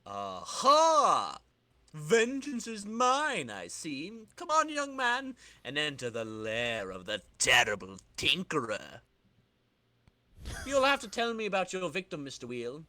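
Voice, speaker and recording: A man's voice: fairly high pitch, huge pitch swings, takes it slowly, pushed and bright, no room sound, full character voice. A man voicing a sly old villain inventor in a comic-book reading, theatrical and drawn out. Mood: gleeful scheming.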